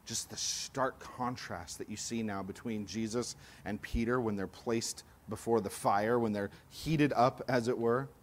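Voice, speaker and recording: A man from California preaching a sermon, moving between loud, emphatic lines and quiet, low asides, and acting out accusers' voices. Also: fairly even intonation, unhurried, few pauses. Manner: acts out accusers' lines with raised voice. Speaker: pastor.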